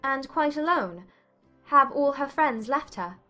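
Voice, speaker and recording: A woman's voice: high voice, animated, a little slow, pushed and bright, faint music behind, voice pushed up, full character voice. A woman voicing a proud, lovelorn young lady in a dramatized period novel, earnest and emotional. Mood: tentative. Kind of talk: dramatized audiobook dialogue.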